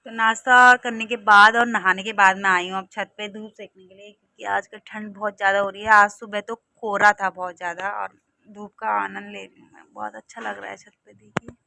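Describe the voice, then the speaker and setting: A woman's voice: medium pitch, level tone, brisk, gravelly, sharp tone, no room sound, clean studio sound. A woman in her thirties giving a chatty, cheerful running commentary on her family day for a vlog. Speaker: vlogger. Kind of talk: casual vlog narration.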